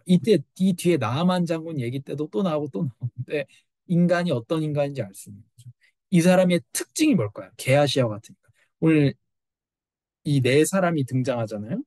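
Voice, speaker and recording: A middle-aged man preaching a sermon with a fairly high voice that swings up and down in lively fashion. He drives his points home with rhetorical questions. The sound is close and dry, with no room echo. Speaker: pastor.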